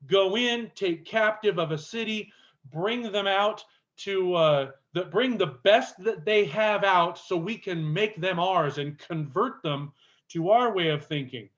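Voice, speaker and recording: Earnest male Bible teacher, high-pitched, slow on emphasis, muffled lo-fi room recording. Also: a bit bright. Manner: earnest, explanatory, slows to stress words. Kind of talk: Bible study lecture. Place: camp class session. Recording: dull lo-fi recording.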